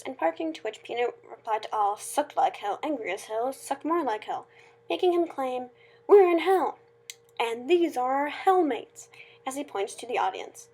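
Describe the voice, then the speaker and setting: A woman with a fairly high, gravelly voice and a breathy edge reads a scripted review aloud. She is the presenter and sometimes stumbles over the written words.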